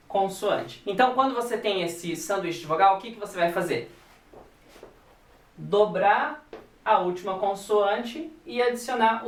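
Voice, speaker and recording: Playful teacher, echoey room. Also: male voice, high voice. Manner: playful, animated, spells out letters. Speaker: English teacher. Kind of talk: casual video lesson. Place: home. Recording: echoey room, distant mic.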